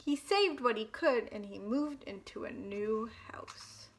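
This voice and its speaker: A woman hosts storytime, reading a picture book aloud to young children with expressive, dramatic delivery. Her voice sits a little high and her pace is measured. The recording is very noisy.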